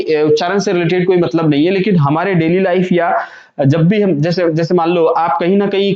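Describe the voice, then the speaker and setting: A male vocabulary teacher, slowly spelling out and repeating words for students. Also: high-pitched. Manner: repetitive, drawn-out words, frequent "theek hai na". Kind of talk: classroom lesson, spelling out pronunciations. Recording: echoey room, dull lo-fi sound.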